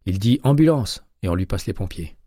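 A man's voice: low voice, animated, fairly quick, dark tone, slightly rough, no echo, studio quality. A man reading an audiobook, voicing a matter-of-fact male police detective who lays out the facts of a case. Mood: explaining.

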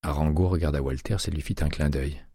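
A man narrating an audiobook thriller in an even, steady reading. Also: rumbling low, a little fast, husky, no room sound, studio quality.

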